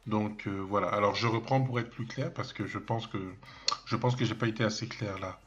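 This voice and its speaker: A man giving a software tutorial, hesitant and full of fillers and restarts, thinking aloud as he clicks, with self-mocking asides. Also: fairly low pitch, steady tone, fairly quick, lo-fi sound. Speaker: web development trainer. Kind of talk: screen-recorded software tutorial.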